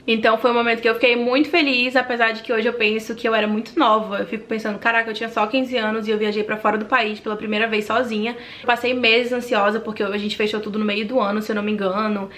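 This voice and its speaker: Speaking quickly and rarely pausing, this Manaus woman in her twenties shares her life story in an animated vlog. Her voice sits on the high side, carrying a Brazilian Portuguese accent.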